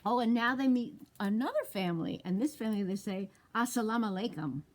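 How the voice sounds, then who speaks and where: A children's librarian reads a picture book aloud at storytime. Her voice is pitched a little high and swings widely up and down, animated and inviting as she pauses to ask the little ones questions.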